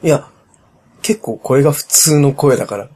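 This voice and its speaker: A man co-hosting a casual late-night chat show, relaxed, laughing often, his voice climbing higher as he gets excited. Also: normal speed. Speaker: podcast co-host.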